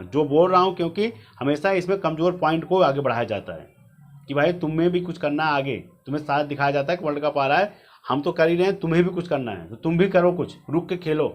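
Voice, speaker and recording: A man giving casual, repetitive fantasy cricket advice straight to his viewers. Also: on the high side. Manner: chatty, repetitive, advising directly. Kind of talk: casual explainer monologue.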